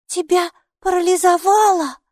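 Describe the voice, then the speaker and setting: A woman voicing an eager six-year-old girl who argues back readily, in a high, childlike voice for a storybook. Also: measured pace, no room sound, studio quality. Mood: anxious eager.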